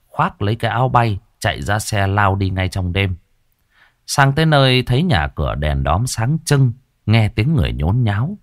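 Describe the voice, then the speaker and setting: A man narrating a ghost story in a lively, dramatic way. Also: lowish voice, dry recording, clean studio sound.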